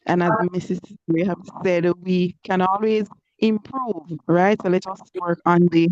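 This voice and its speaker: A woman teacher giving parents an update over an online group call, praising them warmly with frequent "you know" fillers. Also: on the low side, fairly even intonation, measured pace, no echo. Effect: online group call audio, connection breaking up. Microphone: computer or phone mic on a video call. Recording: muffled, lo-fi video call audio.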